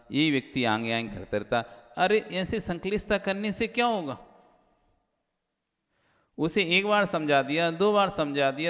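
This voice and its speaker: A man, a Jain monk, giving a sermon and acting out everyday quarrels in a raised voice. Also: mid-range voice. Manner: animated, acts out quarrels in a raised voice. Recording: hall reverb.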